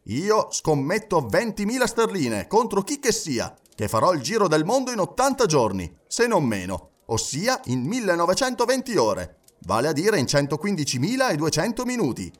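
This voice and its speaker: Phileas Fogg, a man doing a calm gentleman. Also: fairly high pitch, recorded from a distance, pitched above the performer's own voice. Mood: composed. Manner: calm, measured, unhurried. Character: impassive, precise English gentleman traveler.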